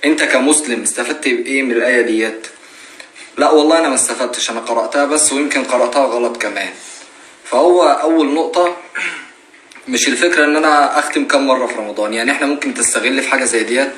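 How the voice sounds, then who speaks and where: A young Egyptian man in his twenties offers earnest, casual religious advice on a live stream, posing rhetorical questions as he goes. His medium-pitched voice is a bit bright and races along. The room sounds echoey, with faint noise.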